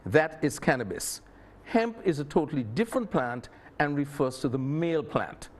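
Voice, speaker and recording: A man's voice: on the high side, animated, normal speed. A man from Saint Kitts, explaining things emphatically as an expert guest in a panel discussion.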